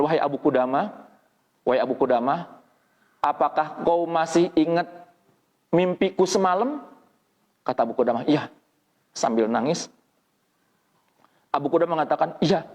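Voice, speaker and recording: Male preacher, fairly high voice, vivid storytelling with dialogue, long hall echo, dull lo-fi sound. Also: a little mellow. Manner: dramatic retelling with quoted dialogue, pitch rising and falling. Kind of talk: storytelling sermon.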